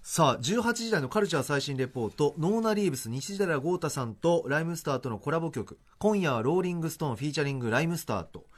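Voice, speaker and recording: Husky, lively man co-hosting radio. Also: on the high side, fast talker, few pauses. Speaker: radio co-host. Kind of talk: casual radio chat.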